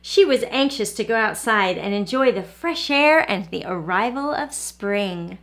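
A woman reading a picture book aloud to young children, pausing gently to ask them questions. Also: medium pitch, lively intonation. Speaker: children's story reader. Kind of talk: read-aloud storytelling for kids.

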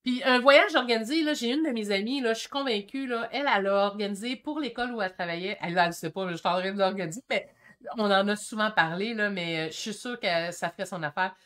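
A woman in her fifties with a Québécois French accent, chatting excitedly while reading viewer comments on her painting stream. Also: mid-range voice. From Quebec. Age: 50s. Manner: excitable and chatty, quick shifts in energy. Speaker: painting channel host. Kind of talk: casual livestream chat reading comments.

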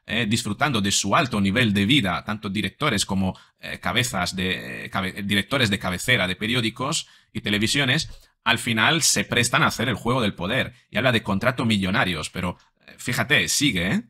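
Bright-voiced man giving emphatic commentary. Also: fairly low pitch, expressive, moderate pace. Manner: emphatic, many fillers and rhetorical questions. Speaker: psychologist commentator. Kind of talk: video commentary. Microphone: desk microphone in front.

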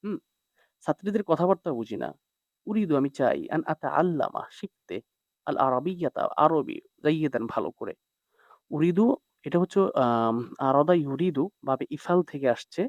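A man's voice: on the high side, lively intonation, normal speed, long pauses, no echo. A man teaching an Arabic text line by line, translating each word and checking in with his students. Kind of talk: classroom lesson explaining a text. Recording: dry, dull lo-fi sound.

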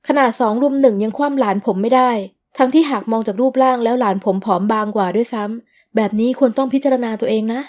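A woman voicing a cool young businessman who answers in a flat, even, calm tone in an audio novel. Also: a little high, quick pace, natural voice. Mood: calm firm.

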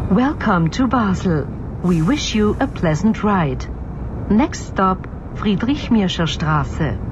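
Woman announcing stops over a bus loudspeaker. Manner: slow, measured, formal. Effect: heard over a bus loudspeaker. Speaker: transit stop announcer. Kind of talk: recorded stop announcements. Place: inside a moving city bus. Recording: muffled bus speaker with vehicle noise. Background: bus engine and road rumble.

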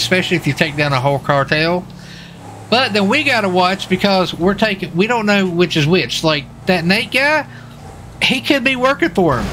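There's a little hiss or hum behind this young man's fairly high, bright, forceful voice. A livestreamer and role-player, he chats casually through a game, rambling and repeating himself along the way.

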